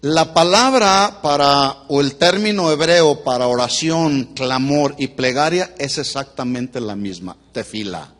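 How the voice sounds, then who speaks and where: A man's voice: medium pitch, a little slow, few pauses, fairly bright tone. A male pastor preaching a sermon to a congregation, teaching and quizzing them with questions. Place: church before a congregation.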